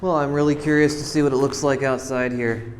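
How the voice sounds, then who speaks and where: A man's voice: mid-range voice, steady tone, brisk, slight background noise. A man narrating a casual travel vlog, chatty and informal, talking straight to his viewers. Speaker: travel vlogger.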